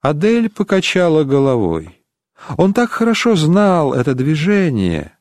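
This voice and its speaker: Man narrating an audiobook, pretty high voice, super slow and lively, dry close sound. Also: no echo. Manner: slow, expressive storytelling.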